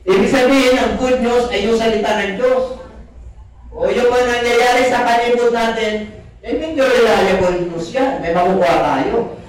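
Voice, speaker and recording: A man preaching a sermon as pastor, mixing Tagalog and English scripture readings, with polite "po" and many "ah" pauses. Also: extremely high pitch. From Philippines. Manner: polite "po", frequent "ah" hesitations. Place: church hall. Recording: very echoey, voice from far off.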